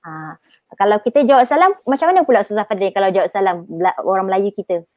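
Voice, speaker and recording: A woman with a Malaysian Malay accent teaching Arabic pronunciation in a live online lesson, chatty, drawing example words out slowly. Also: medium pitch, animated, mellow, no room sound.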